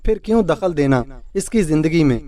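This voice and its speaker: A man's voice: fairly high pitch, expressive, warm tone, far from the mic, lightly acted. A man voicing a stern, concerned elder brother who scolds and asks blunt questions. He keeps close to his own voice, set back from the mic.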